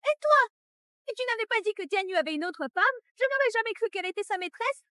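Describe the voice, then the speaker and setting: A woman's voice: extremely high pitch, very animated, brisk, no echo, clean studio sound. A whiny, blaming mother. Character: self-pitying middle-aged mother.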